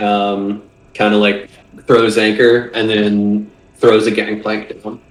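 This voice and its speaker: Low-voiced male game master in echoey room. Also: monotone. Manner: halting, thinking aloud. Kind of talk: improvised tabletop game narration. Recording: roomy, echoing voice pickup.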